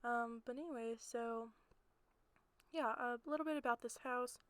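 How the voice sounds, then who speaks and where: A woman's voice: on the high side, moderate pace, no echo. A woman giving a casual, rambling, giggly voiceover for a gameplay video, recorded in a small closet at home. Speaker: amateur video creator narrating gameplay. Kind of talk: casual chatty voiceover commentary. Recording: noticeable background noise.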